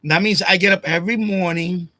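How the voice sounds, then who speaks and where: A man's voice: high voice, steady tone, fairly quick, pushed and bright, no echo. A man in his late fifties, a livestream host, ranting about his family in a rambling, profane way, repeating phrases and pushing his voice up when upset, into a desk microphone at home. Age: 50s. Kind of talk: emotional personal rant. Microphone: desk USB condenser microphone.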